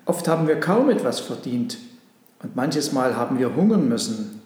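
A man's voice: mid-range voice, big pitch swings, normal speed, a little mellow, heavy reverb, in a large hall, natural voice. A man voicing the eldest of three reformed robbers in a storybook, weary and longing.

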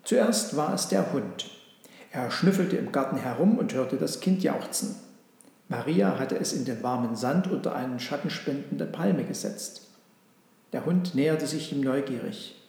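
A man narrating a storybook aloud in a calm, measured reading. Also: mid-range voice, gravelly. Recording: very echoey room with long reverb.

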